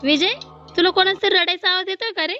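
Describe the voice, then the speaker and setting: Very high-voiced woman in a family skit. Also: quick pace, lo-fi sound, faint music behind. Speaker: sister-in-law in a family skit.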